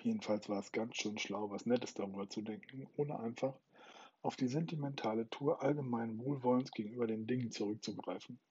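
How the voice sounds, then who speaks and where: A man's voice: medium pitch, fairly quick, dark tone, breathy edge, lo-fi sound. A man hosting his own podcast, chatting informally with many fillers before reading a novel aloud. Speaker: podcast host and reader.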